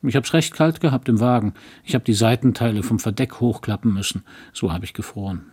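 A man's voice: fairly low pitch, lively intonation, a little fast, darkish tone, slightly rough. Man playing a grumbling country doctor. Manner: mildly grumbling, fussy, practical. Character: good-natured small-town doctor husband, fussy. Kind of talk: audiobook character voice.

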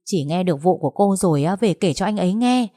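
A woman voicing a panicked young wife who pleads for help in a hurried voice. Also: on the low side, lively intonation, mellow, dry recording, clean studio sound.

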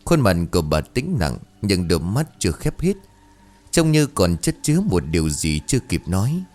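Deep-voiced man telling a ghost story. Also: very animated, normal speed, darkish tone. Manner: dramatic, suspenseful telling. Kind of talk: scripted ghost story narration.

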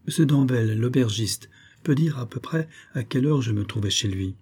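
A man's voice: medium pitch, lively intonation, moderate pace, a little mellow, slightly rough. A man doing a cunning suspect pleading innocence. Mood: evasive. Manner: theatrical, pleading. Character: cunning male suspect feigning outraged innocence.

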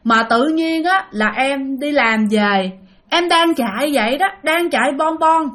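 A man's voice: very high voice, a little slow, sharp tone, full character voice. A woman voicing the tearful ghost of a young man who begs that he did not want to die, with a Southern Vietnamese accent. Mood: tearful pleading. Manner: sobbing, begging, urgent.

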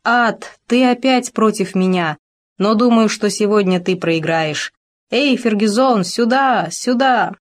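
A woman's voice: mid-range voice, takes it slowly, voice pushed up, close to an everyday voice. A woman voicing a reckless, commanding male soldier who barks urgent orders. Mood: defiant.

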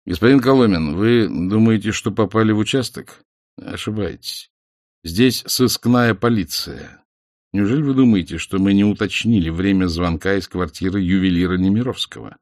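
A man's voice: on the low side, normal speed, a little mellow, dry recording, clean studio sound, lightly acted. A man voicing a police official who questions suspects in a lazy, mocking drawl, in an audiobook. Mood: sardonic.

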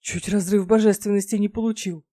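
A woman's voice: mid-range voice, fairly even intonation, fairly quick, no echo, close to an everyday voice. A woman doing a purring, teasing male god. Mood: calm firm. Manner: soft, cooing, teasing. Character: smug, purring male god, playful husband. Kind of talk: audiobook character voice.

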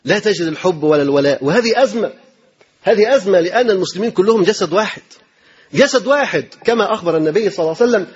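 A man's voice: high-pitched, lively intonation, rapid-fire, breathy edge, dull audio. A man with an Egyptian accent preaching a sermon, firing off rhetorical questions and repeating his phrases for emphasis.

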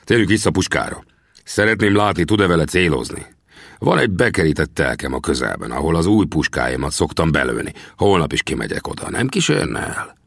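A man voicing a gruff, lecturing older gunsmith in an audiobook, with brusque, scolding questions. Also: very deep voice, big pitch swings, no room sound, studio quality, heavily acted. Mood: brisk. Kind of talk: audiobook character voice.

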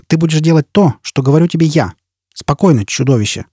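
A man's voice: fairly high pitch, normal speed, gravelly, warm tone, breathy edge, no echo, clean studio sound, voice pushed up, heavily acted. A man voicing a fierce, bitter young woman who scorns and taunts, in an audiobook reading. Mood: furious. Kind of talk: audiobook character voice.

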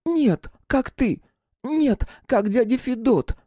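A man reading an audiobook, voicing a frightened, simple-minded young village woman in a high, pleading voice. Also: animated, slow, warm tone, dry recording, studio quality, heavily acted. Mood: fearful.

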